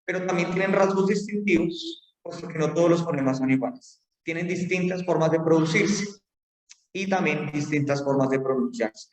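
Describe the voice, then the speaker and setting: A man giving a phonetics lecture, explaining step by step with fillers and check-in questions. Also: fairly high pitch. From Colombia. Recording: roomy hall, mic far off.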